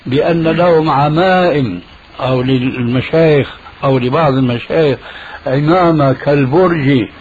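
A man's voice: a little high, a little hiss or hum. A man answering a caller on a radio show as a religious scholar, pressing with argumentative rhetorical questions. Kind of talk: call-in radio Q&A. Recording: muffled lo-fi radio recording.

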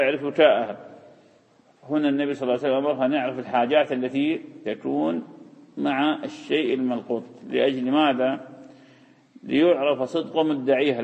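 Fast, gravelly-voiced man lecturing. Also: medium pitch, a little mellow. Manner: explains terms, repeats key words. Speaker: hadith teacher. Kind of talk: classroom lecture. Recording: dull lo-fi hall recording.

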